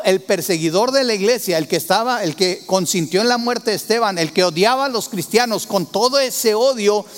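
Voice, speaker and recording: Guy preaching a sermon, high voice, dramatic, asks the crowd questions, echoey hall. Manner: rhetorical questions to the congregation; dramatic, shifts between loud emphasis and hushed tones.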